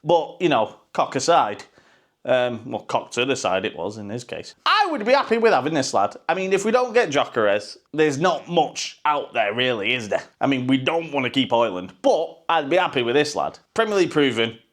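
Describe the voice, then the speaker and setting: A man's voice: medium pitch, fairly bright tone. A man hosting a football fan channel, ranting bluntly and crudely with a mocking edge and laughing at his own jokes. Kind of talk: profane, ranting casual commentary.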